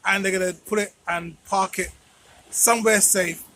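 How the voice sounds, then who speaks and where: A man's voice: high voice, steady tone, normal speed, sharp tone. A man hosting a political commentary channel, talking conversationally with rhetorical questions and repeated phrases.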